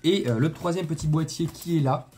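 A man's voice: on the high side, a little fast, noisy background. A man hosting a casual unboxing video, chatty and joking, often repeating himself and talking straight to his viewers. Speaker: tech video host.

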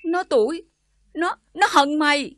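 An actress with a Southern Vietnamese accent playing a bitter older mother who scolds her daughter with sharp sarcasm. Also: high-pitched, unhurried, dry recording. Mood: scornful anger.

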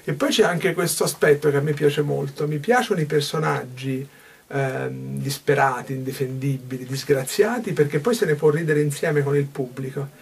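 A man in his fifties, a stage actor, talks about his work in a small dressing room. His voice is gravelly and sits a little high for a man. He thinks aloud and circles back to rephrase his points. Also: normal speed. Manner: reflective, gestures a lot, restarts mid-phrase. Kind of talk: backstage interview.

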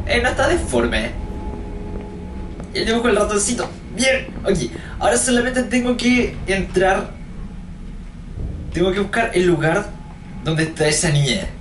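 A man's voice: fairly high pitch, recorded from a distance, background noise. A man giving chatty gameplay commentary, joking and thinking aloud as he explores. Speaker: let's play gamer. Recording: roomy echo, voice a bit off-mic. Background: game music.

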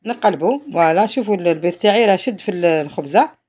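A woman's voice: lowish voice, very fast, a little mellow, husky. A woman with an Algerian Arabic accent, narrating a home cooking tutorial in a chatty way, often trailing off mid-phrase. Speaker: home cook.

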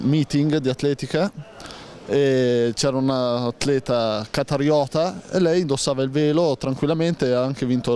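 A man's voice: medium pitch, darkish tone. A man in his twenties answering casually into a handheld mic on a town street. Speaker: street interviewee. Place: outdoors on a town street by a shop awning. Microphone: handheld interviewer mic.

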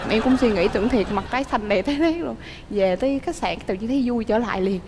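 A woman's voice: a little high, fast, noisy background. A woman aged 30 with a southern Vietnamese accent, telling stories casually and playfully as a talk show guest. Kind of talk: animated casual storytelling. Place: TV studio stage.

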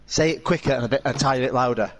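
A man's voice: medium pitch, very fast. A British man chatting casually with friends over a gaming headset, teasing and egging them on. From United Kingdom. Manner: teasing, laughing, eggs others on. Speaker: online game player. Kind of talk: casual party chat while gaming.

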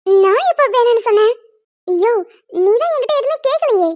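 A squeaky young cartoon wife, voiced by a woman, sweet and pleading, chattering at a quick clip in a very high, pitched-up voice. The recording is dull and lo-fi. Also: animated. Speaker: voice actor. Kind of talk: homemade cartoon dubbing.

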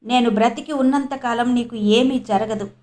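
A woman's voice: high-pitched, moderate pace, darkish tone, natural voice. A woman voicing a determined, protective middle-aged man in a story, speaking earnestly and resolutely.

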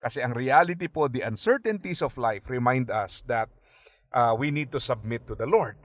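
A man's voice: medium pitch, normal speed, dry recording. Filipino man giving a radio Bible talk. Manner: conversational, mixing English phrases, frequent tag questions; animated when retelling stories. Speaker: radio program host. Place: radio studio.

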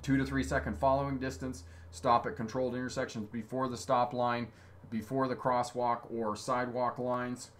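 A man's voice: mid-range voice, level tone, moderate pace, a little hiss or hum. A man in his fifties, originally from Ontario, hosts a casual webcam livestream from a small home studio. He reads viewer comments aloud and answers them as a driving instructor, keeping his replies upbeat and encouraging. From Ontario, Canada. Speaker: driving instructor and channel host. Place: indoor home studio with signs on the wall.

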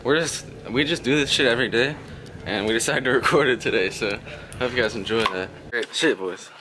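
A man's voice: mid-range voice, brisk. A young man vlogging casually with friends, talking like a rowdy frat bro with slang and swearing. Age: young adult. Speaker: prank vlogger. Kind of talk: casual handheld vlog chat with friends. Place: large retail store, indoors. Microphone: handheld camera, later a phone. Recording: very noisy camera audio, store ambience.

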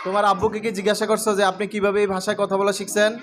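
A man teaching English to a room of schoolchildren, asking questions and calling out letters loudly. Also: high voice, flat delivery, fast, over a noisy crowd, very noisy. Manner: calls out questions and drills the class, often loudly. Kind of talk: classroom lecture to students. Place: classroom with pupils.

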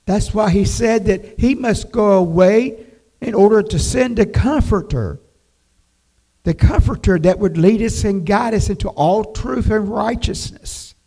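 An older man preaching a devotional sermon from a church pulpit, slow and emphatic, reading scripture aloud. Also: high voice, gravelly, warm tone. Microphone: pulpit microphone, far camera.

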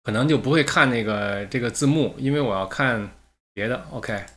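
A man at a mid pitch hosts a relaxed livestream through a gated streaming mic. He talks loosely with viewers and reads a listener's letter aloud in the same easy tone. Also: normal speed. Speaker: livestream host. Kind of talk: casual livestream talk. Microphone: streaming mic with a noise gate.

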